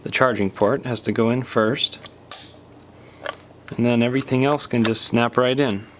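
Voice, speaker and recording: A little hiss or hum runs under the voice of a repair tutorial presenter who speaks at normal speed with medium pitch and fairly even intonation. He talks through the how-to casually, one step at a time, sometimes trailing off mid-phrase.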